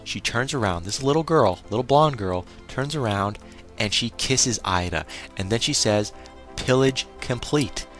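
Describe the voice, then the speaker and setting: Male anime reviewer with a slightly low voice for a casual recap, exclaims his opinions. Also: animated, moderate pace, a bit bright, soft background music.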